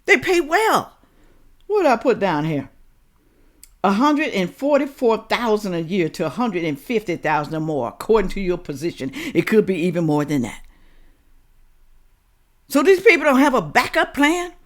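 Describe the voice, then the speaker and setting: Very animated at normal speed, with long pauses, this medium-pitched American woman delivers blunt, confrontational reaction commentary directly to her viewers. She's opinionated and fires off rhetorical questions.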